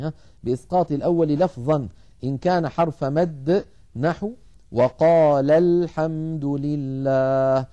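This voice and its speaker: A middle-aged man teaches a lesson on Arabic recitation rules with a warm, mellow tone. He explains step by step and stretches out each quoted verse in a slow chant. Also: a little high, highs cut off. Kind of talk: televised lesson.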